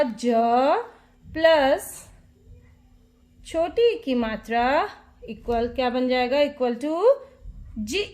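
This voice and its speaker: A young woman teacher with a high, bright voice talks to small children at an unhurried pace. She asks the same simple questions again and again in a patient, sing-song way. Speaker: kindergarten teacher. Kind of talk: online Hindi alphabet lesson for small children.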